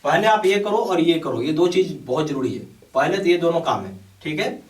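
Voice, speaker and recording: A man's voice: on the high side, lively intonation, moderate pace. Male exam tutor, emphatic and insistent, recorded in a roomy, echoey space. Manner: repeats "okay" often, urging and emphatic. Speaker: bank exam coaching teacher. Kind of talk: explaining a course to students. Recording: echoey room, mic at a distance.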